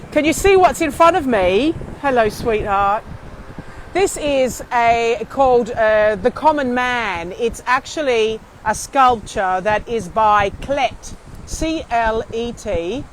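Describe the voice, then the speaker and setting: A middle-aged Australian woman with a fairly high voice hosts a live walking tour. She is effusive and theatrical with her endearments. She is recorded outdoors, with some wind and street noise around her. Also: low-quality recording. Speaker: tour operator and live vlog host. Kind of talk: live walking-tour vlog chat to viewers. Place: outdoors on a city street and bridge.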